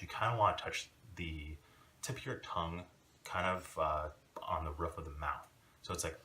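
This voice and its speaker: A man giving a casual video lesson, talking in a relaxed, rambling way with many fillers. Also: a bass voice, far from the mic, a little hiss or hum. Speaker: language teacher.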